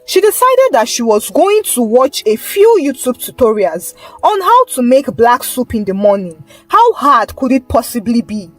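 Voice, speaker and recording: A woman narrates a folktale in a high, lively voice with a steady, measured reading. Faint music plays behind her. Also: dry recording, poor audio. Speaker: storyteller. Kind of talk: scripted narration.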